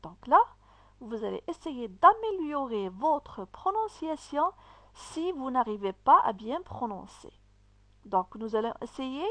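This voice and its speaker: A woman teacher reads to young pupils at a very slow, deliberate pace, sounding out each word. Her voice sits a little high and is recorded close and dry, with no room sound. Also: sharp tone, no echo. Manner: slow, deliberate syllable-by-syllable reading. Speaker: primary school teacher. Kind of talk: slow reading lesson for children.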